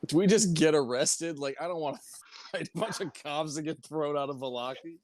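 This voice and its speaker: A man's voice: fairly high pitch, fairly quick, no echo. A man playing a tabletop game, joking and laughing as he talks. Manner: joking, laughs while talking. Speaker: player. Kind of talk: casual tabletop game chat.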